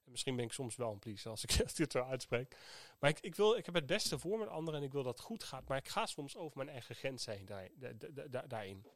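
A man's voice: medium pitch, lively intonation, fast talker, no echo, studio quality. Earnest man hosting a podcast. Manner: earnest, storytelling, emotional. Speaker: podcast host. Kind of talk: personal reflective podcast monologue.

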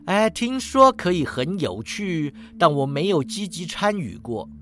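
A man's voice: high voice, sing-song, measured pace, sharp tone, a little hiss or hum, full character voice. A man voicing a lazy, glib male orange cat who sighs and tacks a meow onto his lines, in a storybook reading. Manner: drawling, sighs 'ai' and tacks 'meow' on lines. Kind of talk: storybook character voice.

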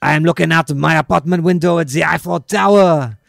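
A man's voice: a little high, fairly quick, creaky, no room sound, studio quality, pitched above the performer's own voice. A man voicing a pompous, crude, worldly ex-footballer with a grandiose manner. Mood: smug. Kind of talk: comic character phone bit.

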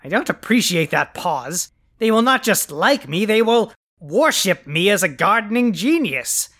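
A pompous, theatrical male supervillain , as a performer puts him on, lords it over his listeners with bombastic decrees and sneering insults. His voice is bright and cutting, and his temper flares easily. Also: medium pitch, very animated, a little slow. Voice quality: bombastic, grandiose proclamations. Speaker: podcast host. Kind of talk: comic scripted podcast.

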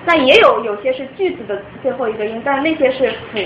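A woman's voice: sits high, animated, fast. A young woman from China explaining music theory to a small group in an informal lecture, patient and restarting her sentences often. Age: young adult. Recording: echoey room, dull lo-fi sound, faint noise.

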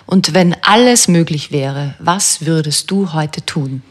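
A woman's voice: low voice, takes it slowly. A woman hosting a podcast, interviewing her guest with short, probing questions. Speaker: podcast host.

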